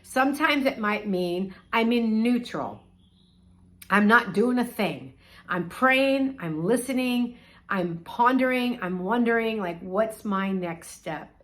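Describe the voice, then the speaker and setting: A woman's voice: fairly high pitch, animated, slow pace, a bit bright. A middle-aged woman, a life coach, giving a conversational, encouraging faith talk with casual fillers.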